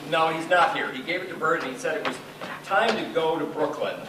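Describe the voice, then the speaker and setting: An actor playing a nervous male scientist on an urgent phone call, stammering and hurried, recorded from far off on an echoing stage. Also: fairly high pitch, background noise, close to an everyday voice.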